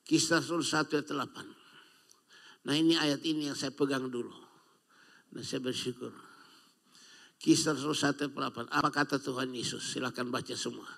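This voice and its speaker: Older male pastor from Indonesia, slightly high voice, preaching with calls and amens. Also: creaky. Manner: call-and-response preaching with frequent amens. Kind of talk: sermon.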